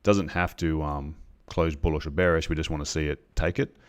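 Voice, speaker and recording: A man on a live trading stream, explaining chart setups to viewers in a halting way, with many restarts and ums. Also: a bass voice, level tone.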